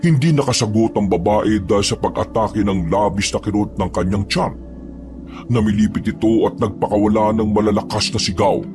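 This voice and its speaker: A man narrating a horror story in a steady, grave manner. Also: on the low side, moderate pace. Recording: narration over loud music.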